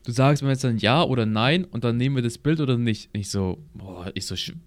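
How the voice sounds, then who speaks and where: A man's voice: mid-range voice, fast, no echo. A young man in casual chat, telling a rambling, slang-heavy anecdote and acting out both sides of the conversation. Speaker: podcast co-host. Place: at his home computer.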